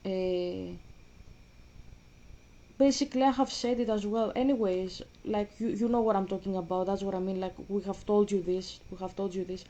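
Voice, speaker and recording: A woman talks at normal speed in a mid-range, dark voice with fairly even intonation. This Greek vlogger, speaking with a Greek accent, gives casual gaming commentary as she plays, rambling and beginning sentences again.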